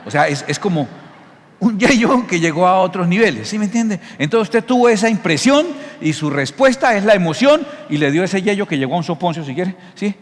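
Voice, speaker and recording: A middle-aged male pastor preaching a sermon, teaching in an animated, jokey way and often checking that listeners follow. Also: high voice, brisk. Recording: long hall reverb.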